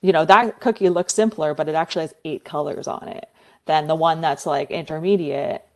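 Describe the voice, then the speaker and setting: A young woman chatting casually as a podcast guest, talking quickly with lots of "like" and laughing often. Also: sits low, fairly even intonation, a little mellow. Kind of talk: casual chat.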